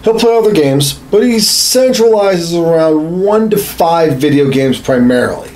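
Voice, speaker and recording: A man in his thirties co-hosts a podcast from a small home studio room, methodically laying out his points in a casual, explanatory chat with some swearing. His voice is fairly high and a little mellow, with lively intonation and an unhurried pace. The recording is rough, with slight background room noise.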